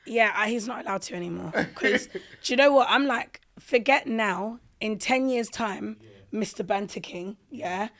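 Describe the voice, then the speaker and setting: A woman with a London accent chatting casually as a podcast guest, telling stories in an animated, emphatic way with plenty of slang. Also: on the high side, moderate pace. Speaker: podcast guest, social media content creator. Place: podcast recording.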